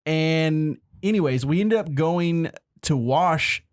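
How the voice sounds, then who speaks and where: A man in his thirties co-hosting a podcast, telling a funny story in a relaxed, casual way, laughing as he goes. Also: on the high side, slow pace, smooth, no echo, studio quality. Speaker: podcast co-host.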